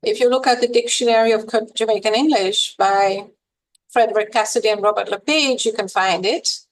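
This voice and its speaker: A woman professor, a guest on an interview podcast, explaining points in a measured, lecturing way with some fillers. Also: medium pitch, low-quality recording.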